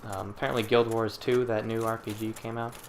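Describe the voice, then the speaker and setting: A man's voice: fairly low pitch, level tone, fairly quick, a little hiss or hum. Laid-back young man, wry gaming chatter. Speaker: let's play co-host. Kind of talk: casual gaming banter.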